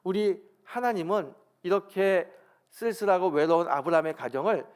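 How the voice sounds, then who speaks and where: A man's voice: sits high, normal speed, clear, resonant tone. A middle-aged man, a senior pastor, giving a Sunday sermon in a church, telling a story, acting out quoted speech and asking his congregation questions. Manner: storytelling, acts out God's words in lively quoted speech; addresses congregation directly with rhetorical questions. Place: church sanctuary.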